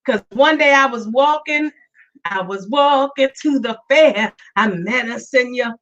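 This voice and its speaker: A woman with a slightly high, somewhat bright voice hosts her own podcast live, chatting unhurriedly and greeting listeners by name. Still weak from being sick, she repeats herself, and the dull lo-fi audio sounds a bit distant.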